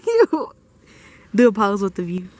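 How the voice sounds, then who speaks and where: A woman's voice: mid-range voice, sing-song, a little slow, dark tone, slight background noise. A woman vlogging outdoors at a scenic overlook, chatting casually and teasing her companions while filming on a handheld phone. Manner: playful, teasing, giggly. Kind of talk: casual vlog chat.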